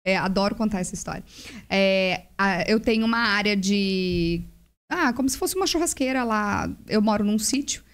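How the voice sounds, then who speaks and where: A woman with a Brazilian accent, a podcast guest, telling lively stories about parenting and acting out the dialogue. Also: mid-range voice, normal speed. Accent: Brazilian Portuguese. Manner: lively storyteller, acts out dialogue. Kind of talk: casual podcast conversation.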